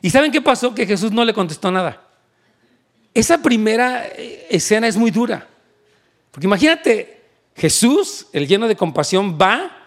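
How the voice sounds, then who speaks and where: A male pastor preaching an animated sermon, switching into English and asking for amens. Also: high voice, moderate pace. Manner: animated, switches into English, asks the crowd for amen.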